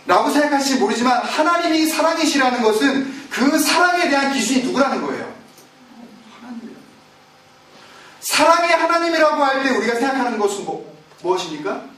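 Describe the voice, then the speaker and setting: A man's voice: very animated, brisk, a bit bright. Man preaching in an echoey church. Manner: preaching with rhetorical questions to the congregation; acts out quoted complaints with raised pitch. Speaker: pastor. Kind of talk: sermon. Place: church sanctuary. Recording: very echoey room, voice from a distance.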